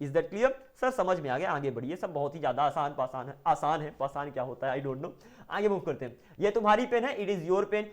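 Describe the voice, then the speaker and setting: A man runs an English lesson, his voice sitting high for a man. He drills the same phrases again and again and plays both the student and the teacher, voicing questions and then answering them. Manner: repetitive, asks and answers his own questions.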